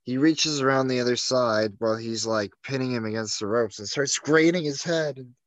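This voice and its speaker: A man's voice: mid-range voice, moderate pace, no echo. A man telling a story in loose podcast chat, his mid-range voice sitting close and dry on the mic. He leans hard on "like" fillers and drops curses freely as he goes. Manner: rambling storyteller, heavy "like" fillers and swearing. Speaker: podcast co-host.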